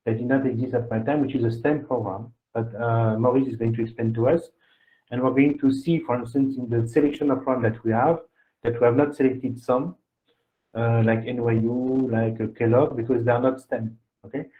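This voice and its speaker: A man's voice: medium pitch, steady tone, moderate pace. A man hosting a webinar as an admissions consultant, rambling through his explanation and checking in with "okay?". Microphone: video call. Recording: tinny phone-like call audio.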